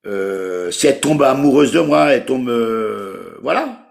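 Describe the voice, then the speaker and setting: A man's voice: mid-range voice, very animated, a little slow, vocal fry. A man in his fifties from France, talking hesitantly on a live call and searching for his words. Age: 50s. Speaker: caller seeking a partner.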